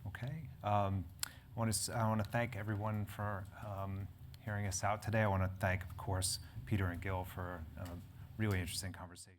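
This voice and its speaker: A man on the low side of pitch, keeping a level tone and a slightly fast pace, moderates a live conference panel for an audience; he edits a health publication. His delivery is rambling, with many restarts and fillers, over a little hiss or hum.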